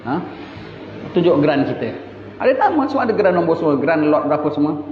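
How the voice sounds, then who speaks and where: A man giving a sermon, telling stories lively and acting out the voices of the people in them. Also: fairly high pitch, quick pace. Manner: lively storytelling, acts out dialogue in shifted voices. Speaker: religious teacher. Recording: echoey hall, dull lo-fi sound with faint hiss.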